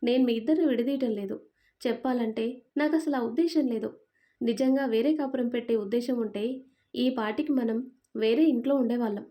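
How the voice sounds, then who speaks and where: A patient young wife, soft and pleading, talking to her husband in a family storybook as a woman reads her lines. The voice sits a little high and sounds mellow and warm. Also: brisk, lightly acted. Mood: tearful pleading.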